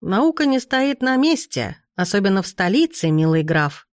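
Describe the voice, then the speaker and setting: A woman's voice: medium pitch, moderate pace, no room sound, studio quality, natural voice. A woman voicing a smug male doctor in an audiobook, wry and lecturing.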